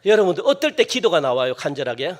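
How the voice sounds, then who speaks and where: A male pastor preaching a sermon, questioning his congregation and acting out loud, pleading prayers with strong emphasis. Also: fairly high pitch, sing-song, fast talker.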